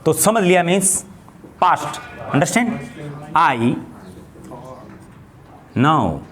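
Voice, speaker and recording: A man teaching spoken English, slowly repeating words and mixing Hindi with English. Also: fairly high pitch, big pitch swings, a bit bright.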